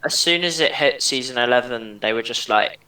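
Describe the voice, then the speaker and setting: A man's voice: mid-range voice, normal speed, recorded from a distance, low-quality recording. A young man co-hosting a casual chat about games, laid-back and easygoing. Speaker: co-host. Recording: bright voice heard from off the mic.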